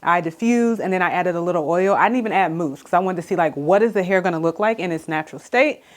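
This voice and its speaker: A beauty vlogger speaks to camera in a hair tutorial, her voice on the low side and fast. She is chatty and enthusiastic, uses many fillers, and sounds a little out of breath, recorded on the camera's own mic.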